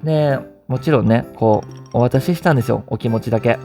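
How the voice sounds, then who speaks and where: A man's voice: medium pitch, fairly quick, gravelly, warm tone, soft background music. A man with a Kansai Japanese accent hosting a vlog, chatting casually and playfully while reading out listener stories. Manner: chatty and playful, often laughing and teasing. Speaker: vlog host.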